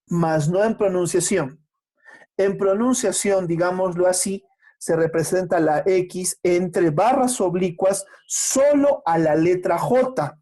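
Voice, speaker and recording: A secondary school teacher gives a remote class. The teacher explains patiently, asks questions and answers them, and slows down to spell out sounds. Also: mid-range voice, dark tone. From Peru.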